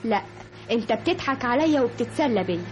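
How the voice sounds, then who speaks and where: A woman's voice: lively intonation, fast talker, noisy background, close to an everyday voice. An actress playing a young woman in love who learns she was deceived, tearful and pleading, in an old radio drama. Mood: hurt, bitter. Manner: tearful, pleading, breaks into high cries. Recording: radio drama with music behind.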